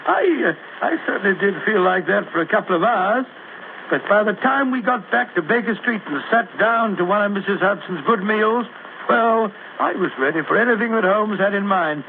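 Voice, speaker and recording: An actor playing a flustered, loyal doctor sidekick, blustery and stammering, with a British accent in 1940s radio style. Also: male voice, sits high, expressive, normal speed, vocal fry. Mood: genial reminiscence. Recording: noisy, tinny 1940s radio recording.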